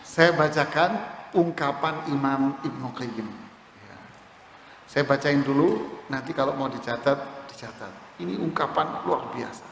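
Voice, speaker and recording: A man's voice: medium pitch, creaky. A man preaching to a congregation, telling stories and acting out both sides of short conversations. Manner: lively storytelling, acts out dialogue, slow and emphatic. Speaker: Islamic preacher. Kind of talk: sermon. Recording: echoey hall with faint noise.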